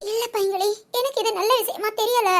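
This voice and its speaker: Woman voicing a young cartoon wife, tearful, pleading, anxious, very high voice. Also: steady tone, fairly quick. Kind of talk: cartoon voice acting.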